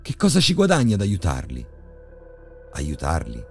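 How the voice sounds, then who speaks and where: A man voicing a frightened, furious young man who shouts out accusations. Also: deep voice, very animated, moderate pace, breathy edge, soft background music, pitched above the performer's own voice, exaggerated voice. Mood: accusing.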